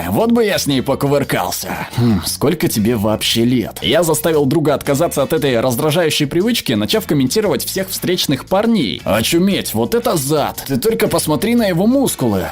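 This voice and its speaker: A man's voice: medium pitch, a little mellow. A man reading viewer comments aloud as scripted narration, voicing the quoted people as he goes.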